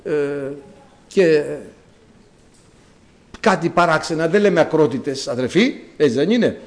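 A man preaching a sermon as a priest, with dramatic rises and drawn-out words. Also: on the high side, lively intonation.

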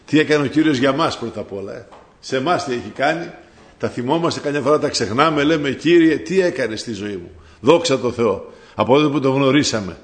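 A man preaching a sermon, addressing his listeners as brothers, fervent and rising to loud cries when he quotes. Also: medium pitch.

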